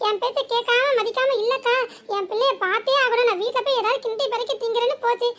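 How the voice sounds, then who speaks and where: A woman voicing a sharp-tongued young village wife in a comic cartoon, with a southern Tamil village accent and a scolding, sarcastic manner. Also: very high-pitched, steady tone, fast, a crowd in the background. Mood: grumbling. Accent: southern Tamil village dialect. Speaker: cartoon character.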